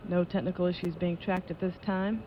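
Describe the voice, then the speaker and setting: A woman giving live launch control commentary as an official announcer, in a measured, matter-of-fact way. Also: fairly low pitch, little pitch movement. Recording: dull lo-fi broadcast audio with noise.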